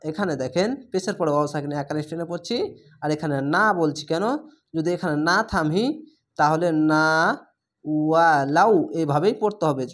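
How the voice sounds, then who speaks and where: A male reading teacher works through a lesson syllable by syllable. He draws each vowel out and breaks each word into parts. He repeats his instructions patiently, in a plain, unhurried teaching voice. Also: fairly high pitch. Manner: spells out syllables one by one, stretching the vowels.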